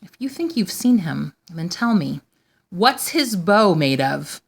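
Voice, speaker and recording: A woman's voice: lowish voice, big pitch swings, slow, gravelly, husky, exaggerated voice. A woman playing a stern, commanding guardian sister in a storybook, speaking firmly and with challenging emphasis. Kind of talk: storybook character voice.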